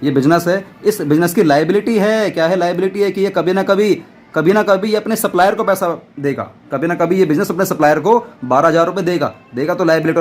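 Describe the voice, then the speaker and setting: A man teaching an accounts class, loud and playful, often answering his own questions in a student's voice. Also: a little high. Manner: loud, almost shouting while teaching. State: dry throat. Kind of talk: classroom lecture.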